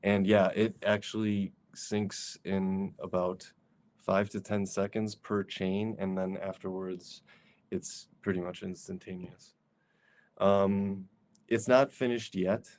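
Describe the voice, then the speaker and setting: A man's voice: deep voice, little pitch movement, takes it slowly, darkish tone. A man giving a casual virtual conference talk over a video call, with frequent fillers and restarts. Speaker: conference speaker.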